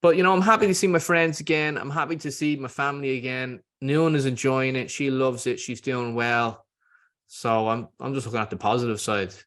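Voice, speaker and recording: A man's voice: medium pitch, fairly even intonation, a little fast, fairly bright tone. A man hosting a video-call interview, chatting in a friendly, rambling way with frequent restarts. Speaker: host. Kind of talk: casual interview chat.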